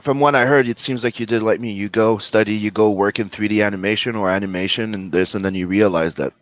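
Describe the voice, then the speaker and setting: A low-voiced man hosts a relaxed conversation and breaks in with brief, casual comments. The audio is dry and close, with no room sound. It is also dull and lo-fi, as over an online call. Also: quick pace, no room sound. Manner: chiming in with brief casual remarks. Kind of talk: casual interview chat.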